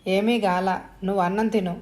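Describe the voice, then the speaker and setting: A woman's voice: medium pitch, fairly even intonation, normal speed, darkish tone, close to an everyday voice. A woman voicing a poor, proud young working woman in an audio story, speaking tensely and earnestly. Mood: curt. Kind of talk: audiobook dialogue.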